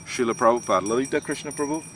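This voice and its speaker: A man hosting an interview, asking questions in a measured way with hesitant restarts. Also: medium pitch. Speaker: host. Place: outdoors, in hills. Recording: noisy outdoor recording.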